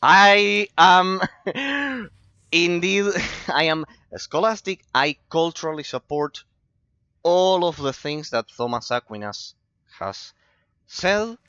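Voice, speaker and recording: Man, bright tense voice, rambling streamer commentary, repeats himself. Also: high voice, lively intonation, takes it slowly, smooth, dry recording, dull audio. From Argentina. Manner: rambling, repeats phrases, talks philosophy. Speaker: gaming streamer. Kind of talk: casual commentary while gaming, replying to chat.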